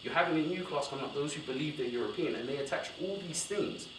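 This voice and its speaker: Young man, panel speaker, animated, self-correcting, distant mic, roomy hall. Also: fairly high pitch, fast, noisy background. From born in Somalia, raised in West London. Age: young adult. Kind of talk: panel discussion talk. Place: university lecture room.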